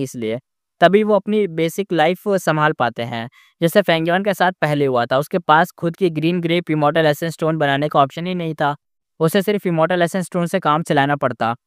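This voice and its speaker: A man's voice: a little high, clear, resonant tone, no room sound, studio quality. A man recapping a fantasy novel in casual narration, rambling with frequent fillers and restarts.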